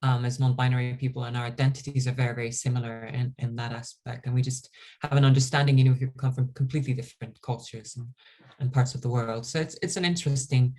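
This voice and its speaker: Relaxed chatty author from Iceland. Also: medium pitch, fast. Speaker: author interviewee. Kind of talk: casual interview conversation.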